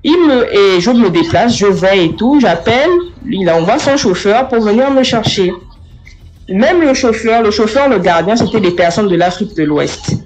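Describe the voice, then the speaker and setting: Young woman telling what happened to her, lively, talks right to you like a friend. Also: medium pitch, moderate pace, rough recording. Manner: lively storytelling, speaks straight to the listener. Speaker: person giving a testimony. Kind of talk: first-person spoken testimony.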